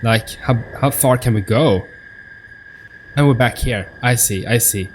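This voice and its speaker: Over game music, a gamer offers off-the-cuff commentary on his playthrough, musing aloud and going over the same points again. He sounds mid-range and unhurried on a low-quality recording with a little hiss or hum.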